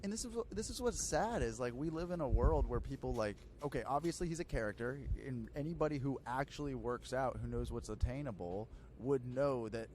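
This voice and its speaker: A man's voice: mid-range voice, expressive, brisk, hardly any pauses, darkish tone, a little hiss or hum. Chatty, loose-talking man in his thirties hosting a podcast. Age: 30s. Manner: chatty, loose, full of "like" and "dude". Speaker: podcast host. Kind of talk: casual chat.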